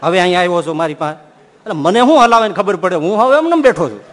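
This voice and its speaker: Male swami, humorous storytelling sermon, higher voice, echoey hall. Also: very animated, fast, a little hiss or hum. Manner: humorous storytelling, swings between soft and loud. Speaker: swami giving a scripture discourse.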